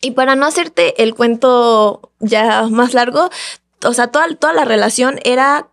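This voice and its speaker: A woman with a fairly high voice tells a story as a podcast guest. She talks in a casual, animated way and acts out what the other people in her story said. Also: a little slow.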